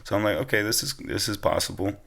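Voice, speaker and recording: Speaking quickly with vocal fry, this young Pennsylvania man keeps things casual and slangy as a podcast interview guest. His pitch sits fairly low, his intonation stays fairly even, and his tone is fairly bright.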